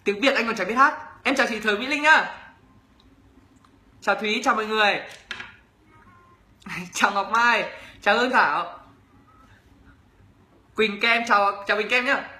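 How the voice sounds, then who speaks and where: Bright-voiced young man with a northern accent. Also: sits high, normal speed, long pauses, echoey room. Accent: Northern Vietnamese. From Bac Ninh, northern Vietnam. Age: young adult. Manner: chatty, teasing, reads comments aloud and greets viewers. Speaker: YouTuber answering viewer questions. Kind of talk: casual livestream Q&A.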